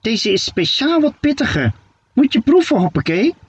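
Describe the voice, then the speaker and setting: A man playing shrill old witch Steketee. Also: sing-song, moderate pace, breathy edge, lo-fi sound, exaggerated voice. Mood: scornful. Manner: screeching, scornful insults.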